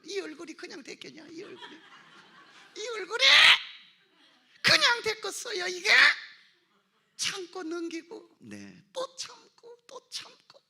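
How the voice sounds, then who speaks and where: A woman leading worship in a church, animated and comic, breaking into shouted exclamations. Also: very high voice. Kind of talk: lively church exhortation. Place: church sanctuary.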